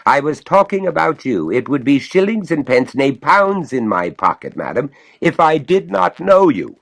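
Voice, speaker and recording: A man playing a testy, sardonic gentleman householder in a storybook reading, pompously polite and exasperated, with dry wit. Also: on the high side, sing-song, normal speed, creaky, voice pushed up, heavily acted. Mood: testy, sarcastic. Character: testy, sardonic gentleman master of a haunted manor.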